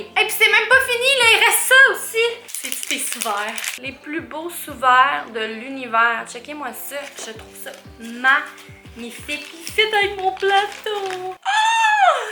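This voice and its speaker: Gushing high-voiced Québécois woman. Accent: Québécois French. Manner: gushing, excitable, exclamatory. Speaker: vlogger. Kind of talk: unboxing chat to camera. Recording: roomy echo with faint music.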